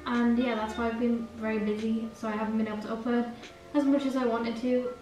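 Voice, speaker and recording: A woman's voice: a little high, level tone, a little fast, mellow. A teenage girl chatting in a rambling, self-correcting way while she bakes in her home kitchen. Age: teens. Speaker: vlogger. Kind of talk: casual baking vlog chat. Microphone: camera across the kitchen. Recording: roomy kitchen echo, distant camera mic, background music.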